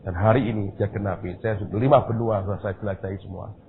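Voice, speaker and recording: Middle-aged male pastor from Indonesia, storytelling sermon, low-pitched voice; recording tinny with a faint hiss. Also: steady tone, fast. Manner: storytelling, addresses the congregation directly. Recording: tinny phone-like sound with faint noise.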